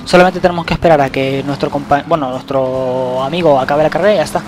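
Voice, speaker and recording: Excitable young man. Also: a little high, fast talker, faint music behind. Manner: excitable, swears freely, talks to the game. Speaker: gaming channel host. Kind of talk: casual let's play commentary.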